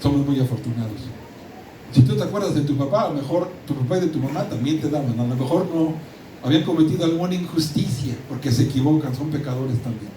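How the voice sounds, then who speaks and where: A middle-aged Mexican man preaches with insistent emphasis, repeating and restarting his words, his voice sitting a little high. He sounds distant from the mic in a roomy, echoing hall with steady ambience behind him. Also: a little hiss or hum. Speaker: pastor. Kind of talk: sermon.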